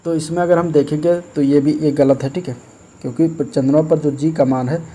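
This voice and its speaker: Mellow-voiced man explaining test answers. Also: a little high, moderate pace, husky. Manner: steady explanatory, repeats "ठीक है", frequent fillers. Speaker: exam-prep teacher. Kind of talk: explaining practice test questions.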